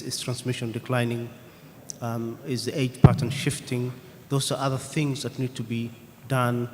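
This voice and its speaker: A man on a conference panel answering audience questions in a measured, thoughtful way, pausing with "um" between points. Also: medium pitch. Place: conference hall. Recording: reverberant conference hall, faint room noise.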